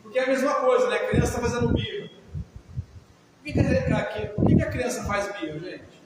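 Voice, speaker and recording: A man with a very high voice and a Brazilian Portuguese accent lectures a live audience, conversational and full of questions to the room. He is caught from far off in a big hall, with heavy echo, long reverb and a faint hiss underneath. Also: sing-song, brisk. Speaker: lecturer on emotional healing.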